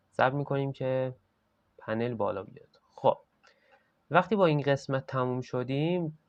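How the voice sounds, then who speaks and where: A man talks viewers through a software setup, step by step, in an easygoing chatty tone. His voice sits mid-range. The recording is dry, with no room sound, and a little dull, like a basic desk mic. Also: mid-range voice, dry recording. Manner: casual, step-by-step explaining. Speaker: tech tutorial host. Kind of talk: screen-recorded software tutorial.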